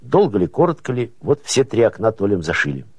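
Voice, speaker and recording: Husky man reading an audiobook. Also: lowish voice, fairly quick, dry recording. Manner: expressive storytelling with folksy rhythm. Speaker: narrator.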